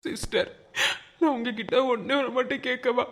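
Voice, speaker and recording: A man's voice: very high voice, steady tone, moderate pace, a bit bright. A performer voicing a grieving young husband in a cartoon, sobbing and begging for his dying wife. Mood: sobbing plea. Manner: sobbing, pleading. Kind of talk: cartoon voice acting.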